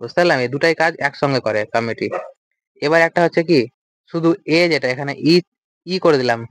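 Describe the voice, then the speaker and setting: A man's voice: fairly high pitch, fairly quick, no echo. A man teaching an English vocabulary lecture, explaining step by step and asking and answering his own questions. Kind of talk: recorded lecture.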